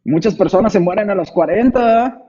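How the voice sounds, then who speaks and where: A man in his forties preaching a sermon in an expressive way, acting out frightened voices in his stories. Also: high voice, fairly quick, lo-fi sound, slight background noise. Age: 40s. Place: church.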